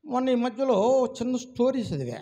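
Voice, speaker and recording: A man with a very high-pitched voice delivers a sermon as a pastor. He tells stories with animated, acted-out dialogue and keeps calling out questions to his congregation. His speech carries a flavour. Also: moderate pace. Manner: animated storytelling, acts out a villager woman's words, calls out to the congregation.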